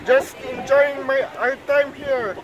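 A young man with a Filipino accent, vlogging excitedly to camera by the sea, repeating how beautiful the place is. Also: extremely high pitch, slow pace, muffled recording, crowd noise. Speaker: travel vlogger. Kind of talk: casual vlog narration to camera. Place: outdoor seaside deck.

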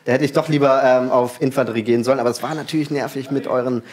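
A man calmly reviewing a game he lost, reflective and hesitant, pausing with fillers. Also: mid-range voice. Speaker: gamer reviewing his loss. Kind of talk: casual post-game analysis.

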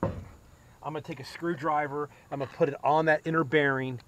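Speaking a little fast in a fairly high, fairly bright voice with a steady tone, a man narrates a casual do-it-yourself repair in a yard, full of fillers and restarts. The DIY mechanic films on a head-mounted camera, with crickets, insects, and slight background noise behind him.

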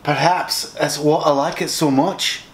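A man's voice: on the high side, steady tone, measured pace. A man putting on a hammy Scottish taste tester. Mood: mock earnest. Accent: put-on Scottish. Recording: echoey room, background noise.

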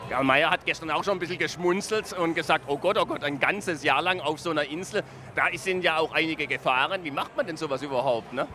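A middle-aged TV talk show host moderates a lively live panel in a busy festival beer tent, speaking into a handheld reporter microphone. His voice is a little high, brisk, pushed and bright, with the busy tent's noise behind him.

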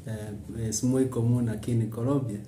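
A young man from Kenya answers in a friendly way, laughing a little. His tone is mellow. The room echoes, and faint noise sits behind him. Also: medium pitch, steady tone, unhurried. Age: young adult. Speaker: language student. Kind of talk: casual interview answer. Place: wood-panelled room indoors.

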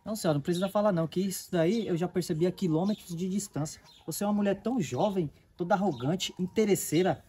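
Brief: Brazilian man, playing a humble lecturing worker, fast and husky. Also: high voice, mellow. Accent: Brazilian Portuguese. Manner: patient, moralizing. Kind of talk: amateur comedy skit acting.

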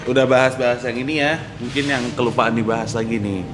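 A man's voice: medium pitch, fairly even intonation, fast talker, noisy background. A young man, asking questions in a casual, slangy, inquisitive way. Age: young adult. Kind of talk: casual chat. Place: semi-open room by a yard. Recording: music behind.

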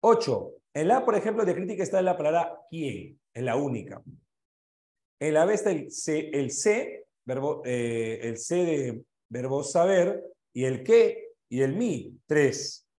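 A Peruvian man teaching a review class in a slow, unhurried way. His voice sits a little high for a man. He checks each answer aloud and throws questions at his students, and the sound carries a noticeable room echo. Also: very animated, darkish tone. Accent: Peruvian Spanish. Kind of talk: online exam review class. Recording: echoey room.

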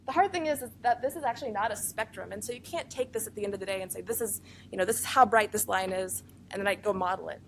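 A woman scientist giving a conference research talk, explaining fast and earnestly, with many fillers and self-corrections, over a microphone in a room with speakers. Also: mid-range voice, a little hiss or hum. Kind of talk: academic conference presentation. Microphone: microphone feeding room speakers.

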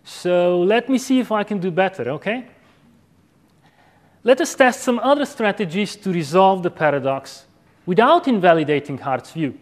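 A man with a fairly high voice lectures on an academic argument. He sounds measured and didactic, setting out each step and checking in briefly as he goes. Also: expressive. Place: university lecture room with chalkboard. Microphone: clip-on lapel microphone.

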